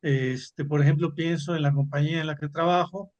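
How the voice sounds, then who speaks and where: A man's voice: fairly high pitch, steady tone, normal speed, muffled recording. A man with a Mexican accent, speaking off the cuff in a panel discussion, full of fillers and repeated words. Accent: Mexican Spanish. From Mexico (Veracruz). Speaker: panel participant, theater actor.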